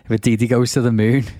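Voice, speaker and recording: A man's voice: mid-range voice, warm tone, no echo, clean studio sound. A man co-hosting a casual podcast, reacting bluntly and swearing as he tells stories. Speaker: podcast co-host. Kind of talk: casual chat.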